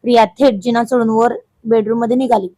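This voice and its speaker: A woman's voice: fairly high pitch, flat delivery, quick pace, dark tone, no echo, low-quality recording. A woman narrating a dramatic family story in an emotive storyteller's manner.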